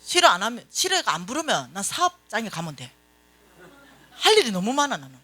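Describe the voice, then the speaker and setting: A middle-aged woman lectures a church audience. Her voice is bright and her pitch swings widely. She speaks bluntly and tells stories full of acted-out dialogue. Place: church hall.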